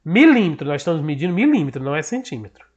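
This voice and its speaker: A man's voice: on the high side, sing-song, rapid-fire, darkish tone, lo-fi sound. A man with a northeastern Brazilian accent, a teacher explaining a math lesson patiently, asking and answering his own questions. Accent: Brazilian Portuguese, northeastern.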